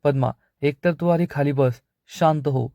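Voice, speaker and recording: A man reading the lines of a calm woman soothing her frightened friend. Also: a little high, normal speed, gravelly, no echo, clean studio sound. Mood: reassuring. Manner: soothing reassurance. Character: calm reassuring woman, elder-sister figure.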